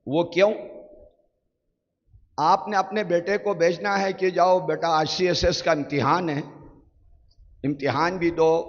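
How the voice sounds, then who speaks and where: A man with a Pakistani Urdu accent giving a sermon in a large prayer hall, asking rhetorical questions and drawing Arabic verses out slowly. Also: a little high, lo-fi sound.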